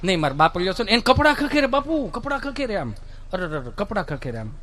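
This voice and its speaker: A man's voice: sits high, fast talker. A male stand-up comedian, telling folksy stories and mimicking voices. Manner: lively, mimics voices, laughs at own jokes.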